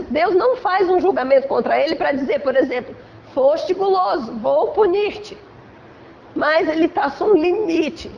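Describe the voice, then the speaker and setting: High-voiced Brazilian woman lecturing. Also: vocal fry, highs cut off, a little hiss or hum. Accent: Brazilian Portuguese. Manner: conversational, frequent "né?" tags, acts out examples. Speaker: lecturer at a Spiritist center. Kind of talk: spiritual lecture. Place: assembly hall of a spiritual center.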